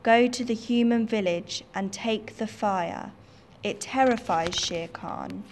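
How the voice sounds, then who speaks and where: A woman's voice: medium pitch, takes it slowly, darkish tone, a little hiss or hum. A woman reading a wise protective panther. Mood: warning.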